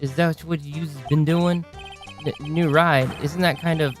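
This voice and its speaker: A woman voicing a gruff, tough-talking biker in an amateur fan dub of a video game, with slangy, threatening speech. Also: deep voice, steady tone, measured pace, soft background music. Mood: menacing. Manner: threatening, slangy street talk.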